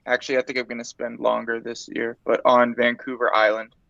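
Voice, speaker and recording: A man's voice: mid-range voice, brisk, creaky, no echo, highs cut off. Laid-back man telling stories. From Ontario, Canada. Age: 30s. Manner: relaxed storyteller, swears casually. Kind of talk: casual chat.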